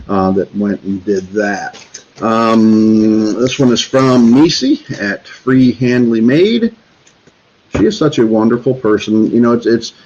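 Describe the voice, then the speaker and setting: Reading holiday cards on his homesteading livestream, this Northeast Florida man rambles casually, full of fillers and restarts. His voice is medium-pitched with a darkish tone, captured in slightly dull lo-fi audio.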